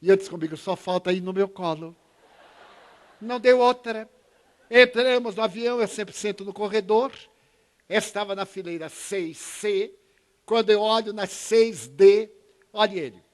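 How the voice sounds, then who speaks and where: A man in his eighties with a Bahian Brazilian accent speaks in a fairly high voice. He gives an inspirational talk, telling anecdotes and acting out the other speakers with changing pitch and loudness. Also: measured pace. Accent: Bahian Brazilian Portuguese. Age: 80s. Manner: storytelling, acts out dialogue with shifts in pitch and volume. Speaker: spiritist speaker.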